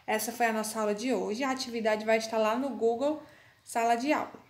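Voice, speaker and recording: A woman teaching a recorded class to children, speaking slowly and carefully, spelling words out letter by letter and calling her pupils dear. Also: fairly high pitch, steady tone. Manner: affectionate toward pupils. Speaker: primary school teacher. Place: room with a board. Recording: echoey room.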